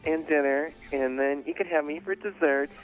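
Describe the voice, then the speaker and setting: A man calling in to a radio show, joking in a slow, playful way. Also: fairly high pitch, rough recording. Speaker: caller.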